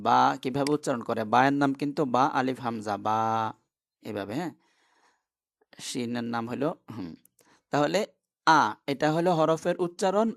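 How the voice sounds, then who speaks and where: A man teaching an online class, who explains step by step and keeps asking his students questions. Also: medium pitch.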